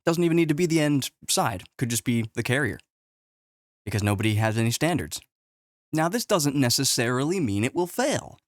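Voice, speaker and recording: Fed-up man ranting through a tech explainer, lively pitch swings, dry close webcam sound. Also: brisk, no echo. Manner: profane, exasperated, animated. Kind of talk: casual whiteboard explainer. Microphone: webcam with face overlay.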